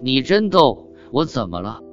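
A man's voice: medium pitch, sing-song, measured pace. A man voicing an irritable middle-aged scholar official in a told story, short-tempered and scolding. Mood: irritated. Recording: dull lo-fi audio with faint guitar.

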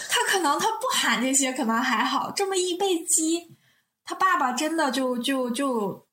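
A woman's voice: high voice, animated, unhurried, a bit bright. Chatty young woman. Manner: chatty, rambling, often corrects herself and laughs. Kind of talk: casual chat, retelling a TV drama plot.

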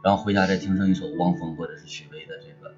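A middle-aged man with a low voice and a northeastern Chinese accent talks casually and reflectively. He sounds like a livestream guest, and the audio is a bit dull and lo-fi. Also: steady tone, rapid-fire, a little mellow, faint music behind.

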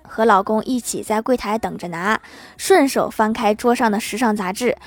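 A young woman telling a string of casual comic anecdotes and landing the punchlines deadpan. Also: a little high, no echo. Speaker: storyteller.

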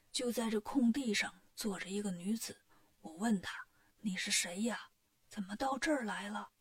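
A woman doing a soft-spoken old abbot. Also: a little high, breathy edge. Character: old male temple abbot, gentle and worried.

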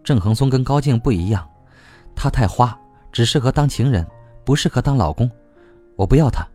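A man's voice: medium pitch, lively intonation, normal speed, mellow, soft background music, voice pushed up, lightly acted. A man reading a novel aloud, voicing a blunt young woman who speaks vehemently and decisively. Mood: resolute. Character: blunt, fierce young woman, the heroine's cousin.

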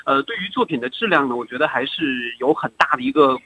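A man speaks at a quick pace, with a bright, forceful edge over a husky grain. He reviews films with enthusiasm and emphasis, his pitch moving in a lively way. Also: rough recording. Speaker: film critic on a talk show. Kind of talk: film review discussion.

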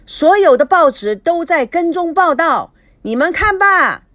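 A brash male newsstand vendor shouts up his papers in a high, swooping voice, as a woman reading the story puts him on. The recording is close and dry, with no room sound around it. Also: expressive, normal speed, no echo. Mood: hawking. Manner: loud, pushy hawking. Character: excited middle-aged male newsstand vendor.

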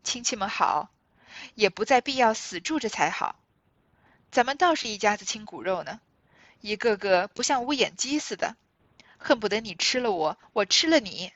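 A woman voicing a proud, sharp-tongued young noblewoman who talks coldly and cuttingly, her voice raised. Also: on the high side, lively intonation, quick pace, hardly any pauses, dry recording, natural voice.

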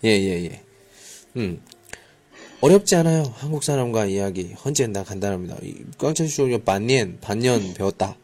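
A man's voice: on the low side, animated, normal speed, a little mellow. A man teaching a conversational online language class, mixing with Mandarin words and often murmuring short acknowledgments. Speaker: Korean language teacher hosting a live class. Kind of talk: conversational online lesson with learners.

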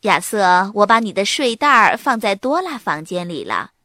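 A woman voicing a patient mother aardvark who explains things calmly in a children's story. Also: medium pitch, moderate pace, dry recording, studio quality. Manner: calm, explaining.

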